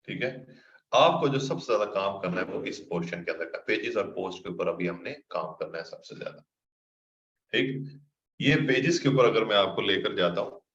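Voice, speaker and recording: Male instructor, lowish voice, patient Q&A teaching, muffled echoey lo-fi recording. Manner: patient, reads student questions aloud and answers them. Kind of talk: online class lecture. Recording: muffled lo-fi recording, roomy echo.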